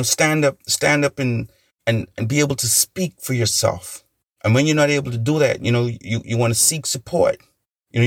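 A man's voice: mid-range voice, no room sound, studio quality. A man giving an earnest, rambling motivational talk, often repeating himself and leaning on "you know" as he encourages listeners. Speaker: motivational speaker.

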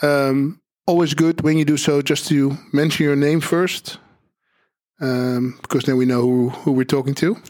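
A man's voice: fairly high pitch, steady tone, unhurried, a little mellow. A man, informally hosting a panel discussion on a podcast. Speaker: podcast host. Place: theater hall with a small audience.

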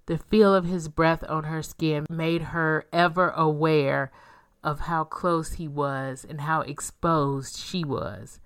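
Slow, low-voiced woman narrating a romance. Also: fairly even intonation, smooth. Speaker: audiobook narrator. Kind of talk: scripted narration.

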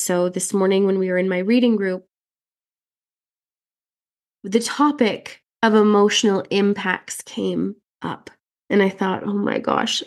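A woman hosting a motivational podcast while getting over a head cold, her voice nasal and raspy, coaching listeners directly with earnest questions. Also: medium pitch, a little mellow. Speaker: podcast host and fertility mindset coach.

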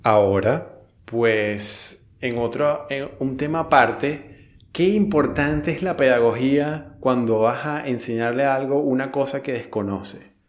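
A man's voice: mid-range voice, slow pace. A young Venezuelan man telling a story casually, full of slang and swearing, with many restarts.

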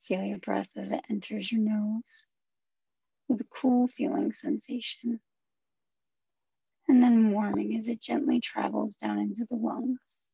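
Soft breathy lady doing guided meditation, super creaky n mellow, almost whispery, kinda dull lo-fi audio. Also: medium pitch, fairly even intonation, unhurried, no room sound. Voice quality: soft, breathy, husky, at times near a whisper. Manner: soothing, gentle, instructive.

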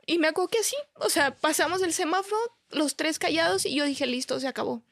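A woman's voice: high-pitched, fast talker, a bit bright, no room sound, clean studio sound. Candid mexican woman telling a story. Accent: Mexican Spanish. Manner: candid, peppers her story with "¿sabes?" and "o sea". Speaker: podcast guest. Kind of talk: casual storytelling chat.

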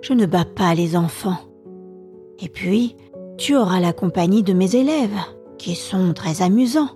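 A woman voicing a gentle older male showman in an audiobook, speaking softly and calmly. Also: medium pitch, faint music behind, natural voice. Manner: soft, calm and measured.

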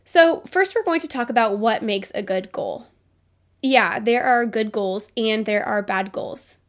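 A woman's voice: mid-range voice, a little slow. A young adult woman hosting a solo business podcast, upbeat and motivational, her voice nasal from a cold. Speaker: podcast host.

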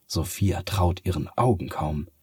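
Slow, husky man reading a bedtime story. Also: deep voice, expressive, mellow, dry recording, clean studio sound. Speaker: narrator.

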